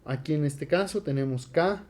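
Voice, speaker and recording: A man teaching Latin grammar in a relaxed, conversational classroom lecture, with frequent fillers. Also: on the high side, moderate pace. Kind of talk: casual classroom lecture at a board.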